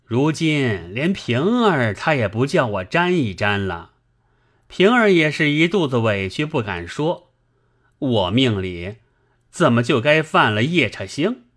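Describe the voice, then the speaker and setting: A woman's voice: extremely low pitch, very animated, unhurried, voice pushed down, heavily acted. A woman voicing a drunk raging young lord. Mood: sulky. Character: drunk, hot-tempered young nobleman husband. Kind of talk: dramatized novel reading.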